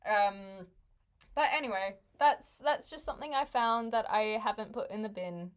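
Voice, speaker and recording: A woman's voice: mid-range voice, normal speed. A woman, chatting casually with viewers on a livestream, laughing often and making wry asides. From New Zealand. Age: 20s.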